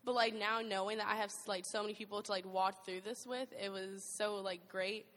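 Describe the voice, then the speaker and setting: A woman's voice: medium pitch, fairly even intonation, a little fast, fairly bright tone. A teenage girl sharing her church camp testimony into a handheld microphone, rambling and giggly with lots of "like". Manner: giggly, rambling, heavy use of "like". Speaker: youth group member sharing testimony. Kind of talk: casual spoken testimony. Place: large hall at a youth church event. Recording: reverberant hall.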